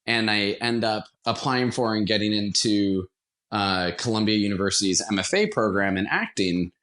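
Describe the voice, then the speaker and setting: Speaking at a moderate pace, a podcast guest in his twenties from the US uses a lowish, expressive, fairly bright voice. An actor and theater company founder, he shares stories conversationally and pokes gentle fun at himself.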